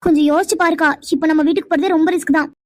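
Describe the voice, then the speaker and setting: A woman voicing a sassy sharp-tongued elder sister. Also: high voice. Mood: urging. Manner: quick retorts, sassy. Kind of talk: cartoon voice acting.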